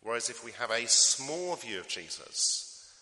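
An English man preaching and praying with a croaky, hoarse voice, earnest and given to rhetorical questions. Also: mid-range voice, big pitch swings, unhurried, sharp tone. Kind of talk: sermon and public prayer. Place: large church hall. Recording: reverberant hall.

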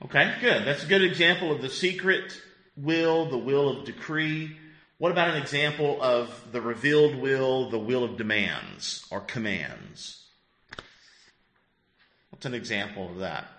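Pastor, 50s male, lively and bright, conversational, echoey room. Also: mid-range voice, a little slow. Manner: conversational, asks the group questions, chuckles. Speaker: pastor teaching a class. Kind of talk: interactive Bible teaching.

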